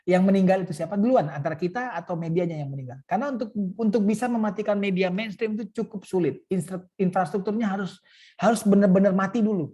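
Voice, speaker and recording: A man's voice: high-pitched, quick pace, dark tone. A man speaking as guest in a webinar, casual and joking, with many fillers, over a video call. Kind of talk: webinar talk.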